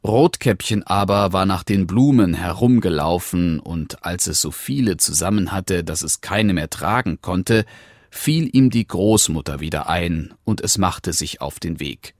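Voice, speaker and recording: A low-voiced man reads a classic fairy tale aloud, slow and unhurried, with lots of rise and fall in his delivery. Recorded close and bone-dry. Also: dry recording. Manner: expressive, animated reading. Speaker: narrator. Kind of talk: storybook reading.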